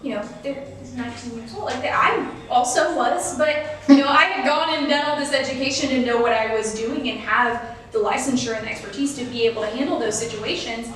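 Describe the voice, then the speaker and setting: Upbeat and talkative, a young real estate agent from Texas laughs often as a guest in a casual interview. She speaks briskly with a fairly high, slightly bright voice, recorded off-mic from a distance in an echoey room.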